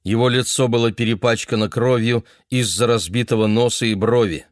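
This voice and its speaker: A man reading a novel aloud in a steady, even narration. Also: medium pitch, brisk, no echo, clean studio sound. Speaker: audiobook reader. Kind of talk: literary narration.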